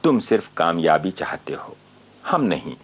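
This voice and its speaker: A man's voice: sits low, big pitch swings, breathy edge, full character voice. An actor in a radio play voicing a thoughtful man who muses on life to his friend. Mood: reflective. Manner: slow, reflective, lecturing his friend. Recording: dull lo-fi radio recording.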